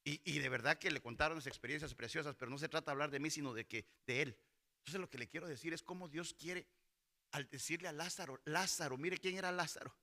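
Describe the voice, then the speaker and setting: Gravelly bright-voiced man preaching. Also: fairly high pitch, fast. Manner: preaching with call-and-response to the congregation; acts out voices in Bible stories. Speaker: pastor. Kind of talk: sermon. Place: church hall.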